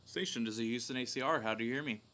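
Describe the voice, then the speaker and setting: Guy on a distant radio loop doing a voice check, quick clipped callouts, bright tone. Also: medium pitch. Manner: clipped, procedural radio talk. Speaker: ground control radio operator.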